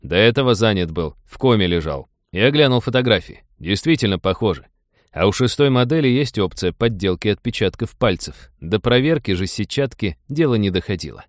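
Man doing jaded space captain, deep and dry, audiobook. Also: expressive, fairly quick, no echo, natural voice. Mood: grim. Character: male starship captain, weary and sardonic.

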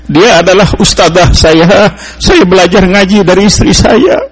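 A man voicing a distraught middle-aged engineer who pours out his grief through tears, in a higher, strained voice. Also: measured pace, breathy edge, rough recording. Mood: tearful, pleading.

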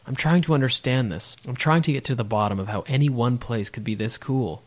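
A man's voice: medium pitch, fairly quick. A man reading a wry, reflective travel-diary narration.

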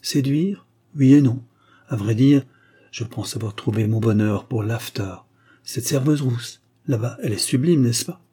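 A man's voice: medium pitch, moderate pace, dark tone, slightly rough, natural voice. A man reading an audiobook, voicing a witty, teasing young male count in playful, ironic banter.

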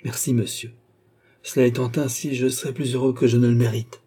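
A man's voice: mid-range voice, level tone, fairly quick, mellow, husky, natural voice. A man reading an audiobook, voicing an earnest, proud young man in rags who pleads yet stays resolute.

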